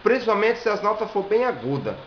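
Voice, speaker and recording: A man's voice: sits high, very animated, brisk. A Brazilian man giving a singing lesson, explaining step by step and demonstrating vowel sounds. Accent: Brazilian Portuguese. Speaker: singing and viola teacher. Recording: echoey room, dull lo-fi sound, faint hiss.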